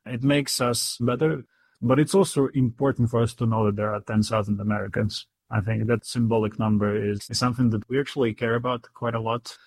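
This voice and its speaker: A man's voice: medium pitch, flat delivery, brisk, slightly rough, dry recording. A young adult man from Ukraine, a native Ukrainian speaker, answering interview questions about his news outlet in an earnest, thoughtful way, often checking in with "right?". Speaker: guest, news outlet founder.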